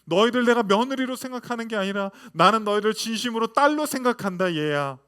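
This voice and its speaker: A woman's voice: a little high, lively intonation, brisk, fairly bright tone, smooth, voice pushed up. A male preacher voicing an older widowed mother-in-law who insistently pleads with her daughters-in-law to go home. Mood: pleading.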